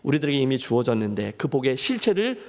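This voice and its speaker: Male pastor, high lively voice with gravelly edges, long reverb of a church hall. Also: fast talker. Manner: preaching with questions to the congregation. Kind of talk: sermon.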